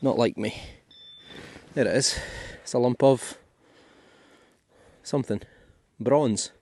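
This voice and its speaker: A man's voice: mid-range voice, slow, darkish tone, dry recording. A Scottish man giving chatty, thinking-aloud commentary as he digs finds in a field for his metal detecting vlog. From Scotland. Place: outdoors in a field.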